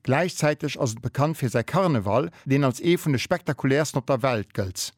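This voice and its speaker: A man's voice: medium pitch, expressive, brisk, no room sound, clean studio sound. A man hosting an interview, curious and friendly, asking short follow-up questions. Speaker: host.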